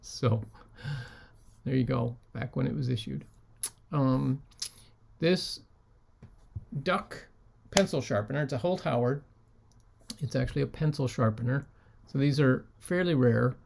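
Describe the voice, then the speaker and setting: A man at a middle pitch with a gravelly edge to his voice. He talks in a relaxed, chatty way, filling pauses with ums as he shows what he sold. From United States. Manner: relaxed, many ums, holds up items. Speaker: reseller showing sold items. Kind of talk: casual vlog talk.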